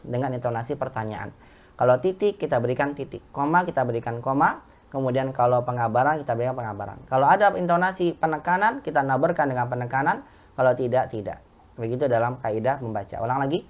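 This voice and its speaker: A woman with an Indonesian accent teaching an Arabic class, patiently correcting students and modelling the words slowly. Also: a bass voice.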